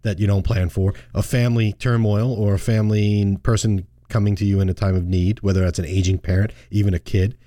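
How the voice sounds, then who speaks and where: A middle-aged man hosting a finance talk show in a relaxed, chatty way that often stops and restarts. His voice sits low and mellow. The sound is dry and close. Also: fairly quick, hardly any pauses, no echo. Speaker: financial advisor and show host. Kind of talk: casual radio show chat.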